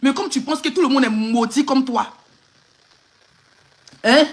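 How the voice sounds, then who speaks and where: A woman with an Ivorian French accent rants angrily on a phone live stream, throwing out insults and mocking laughter. Her voice is high and she speaks a little slowly.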